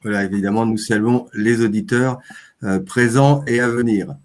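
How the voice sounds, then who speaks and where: A man's voice: lowish voice, steady tone, moderate pace. A man hosting a live stream, chatting casually and hesitating often as he introduces his guests. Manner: hesitant, with frequent "euh" fillers.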